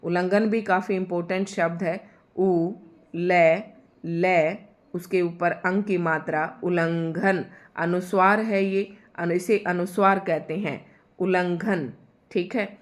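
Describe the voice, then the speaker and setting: A woman teaching a spoken spelling lesson for exam students, slow and deliberate, sounding out each syllable and repeating key words patiently. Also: fairly low pitch, steady tone. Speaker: Hindi teacher.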